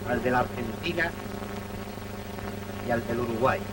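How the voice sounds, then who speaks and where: A man's voice: mid-range voice, measured pace. A man narrating an old 1930s newsreel in a solemn, declamatory manner. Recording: noisy, distant 1930s newsreel soundtrack.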